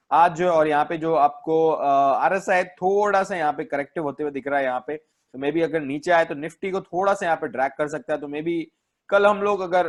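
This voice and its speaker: Man giving a chatty Hindi stock-chart talk. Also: a little high. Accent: Indian. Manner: Hindi mixed with English terms, frequent fillers and self-corrections. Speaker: host, stock market analyst. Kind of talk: casual market analysis, screen walkthrough.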